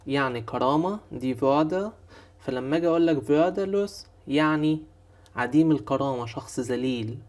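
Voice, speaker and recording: An Egyptian man with a mid-range voice gives a German vocabulary lesson in his Egyptian Arabic accent. He is patient and methodical. He says each word slowly, then repeats it for his learners. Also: medium pitch, a little mellow. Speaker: German language teacher. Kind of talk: online language lesson.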